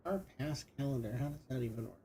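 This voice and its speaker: A man's voice: medium pitch, quick pace, dark tone, a little hiss or hum. A middle-aged man giving casual commentary while he plays, thinking aloud with lots of fillers. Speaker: gaming streamer.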